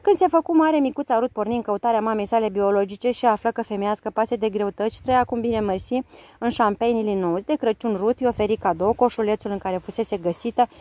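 A woman narrating a children's book aloud in a lively, expressive storytelling manner. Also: on the high side.

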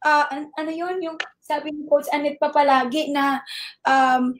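Masiglang babaeng mataas ang boses na nagkukuwento. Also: female voice, high-pitched, moderate pace. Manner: animated retelling that acts out quoted dialogue; polite, uses respectful particles. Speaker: network marketing member giving a testimony. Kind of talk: personal storytelling.

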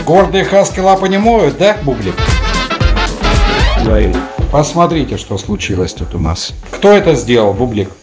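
A woman with a lowish, very animated voice scolds pets in mock reproach. Clear music plays underneath. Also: a little slow, pauses often.

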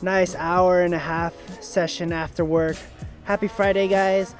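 During a casual fishing vlog from river rocks, a young man wearing a head-mounted action camera explains his gear and whoops upon landing a fish. His high-pitched voice stays level and slightly slow, with faint music behind him.

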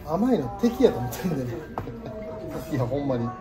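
A man's voice: fairly high pitch, very animated, moderate pace, music in the background. A man with a Kansai Japanese accent chatting casually and enthusiastically over food and wine, often repeating himself for emphasis. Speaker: food review presenter. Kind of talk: casual chat while eating and drinking wine.

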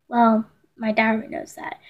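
A woman's voice: fairly high pitch, completely flat delivery, unhurried, muffled recording. A teenage American girl reading her diary aloud with casual asides, embarrassed and poking fun at herself. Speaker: vlogger. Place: small indoor room at home.

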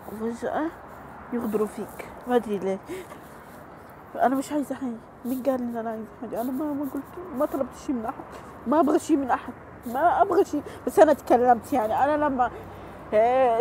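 A woman's voice: sits high, a little mellow, a little hiss or hum. A woman, crying and pleading as she vents on a phone livestream, repeating herself. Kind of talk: emotional livestream venting.

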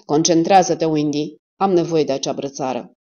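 A woman's voice: sits low, dark tone, lightly acted. A woman voicing a cool, blunt male private detective who gives clipped orders. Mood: commanding. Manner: cold and clipped, giving orders. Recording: dull lo-fi audio.

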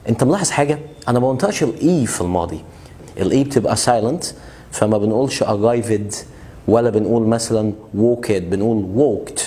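A man with an Egyptian Arabic accent giving a casual pronunciation lesson, repeating example words slowly and checking in with the learner. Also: medium pitch, lively intonation, warm tone. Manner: chatty, asks learners questions. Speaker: English teacher.

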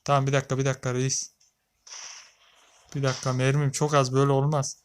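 A man's voice: mid-range voice, little pitch movement, fast, slight background noise. A man giving casual gameplay commentary as a let's play gamer, chatting with viewers and talking back at the characters on screen.

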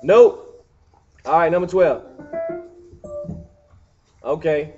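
A man's voice: on the high side, very slow, dull audio. A man rambling on and on to himself and the people around him while playing piano indoors, repeating himself and asking "huh?". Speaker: church pianist. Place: indoors by a piano at a community building.

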